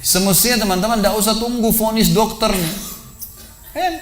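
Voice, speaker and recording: A man's voice: sits high, steady tone, normal speed, background noise. A man preaching a sermon in a mosque, telling a vivid story and speaking straight to the congregation.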